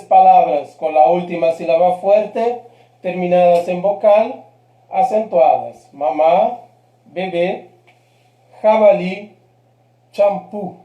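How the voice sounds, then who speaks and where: A man's voice: high voice, mellow, echoey room. A man teaching a live grammar lesson, patient and checking in often with his class. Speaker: Spanish teacher.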